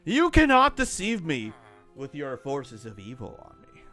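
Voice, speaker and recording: A man's voice: a little high, wildly swooping pitch, a little slow, bright, forceful tone, faint music behind, voice pushed up, exaggerated voice. A man putting on the theatrical voice of a grand old sage who lectures a youngster. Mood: mock stern.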